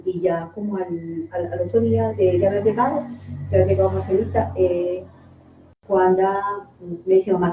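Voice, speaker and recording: A middle-aged woman giving an emotional personal account as a guest, halting with restarts and fillers. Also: on the low side, slight background noise. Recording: echoey, distant, phone-like sound.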